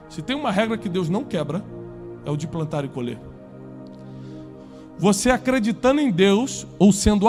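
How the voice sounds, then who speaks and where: A man preaching to a live congregation in a high, ringing voice. He speaks emphatically, swinging between loud climaxes and low, quiet stretches. Soft music plays faintly underneath. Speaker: pastor.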